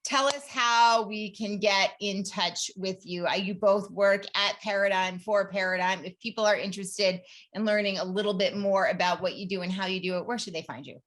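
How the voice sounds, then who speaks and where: A woman hosting a podcast over a video call, chatty and quick to laugh, often restarting her sentences. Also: mid-range voice, fairly bright tone. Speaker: podcast host. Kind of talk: casual chat.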